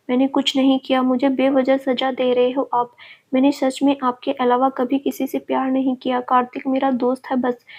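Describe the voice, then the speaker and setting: A woman's voice: sits high, darkish tone. A woman voicing a desperate young woman who pleads and insists through tears. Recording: dull lo-fi recording.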